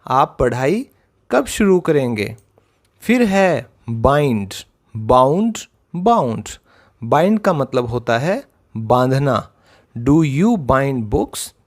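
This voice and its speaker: Slow, lively-pitched male language teacher. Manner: drills example sentences slowly, repeating each twice; addresses viewers as children. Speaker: English teacher. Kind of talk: slow explanatory lesson.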